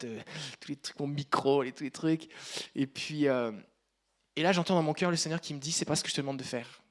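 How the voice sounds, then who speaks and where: Preacher guy, chatty, talks right to the crowd, gets loud and fired up sometimes. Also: a little high. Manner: conversational, addresses the congregation directly; rises to loud emphatic passages. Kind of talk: sermon with personal testimony.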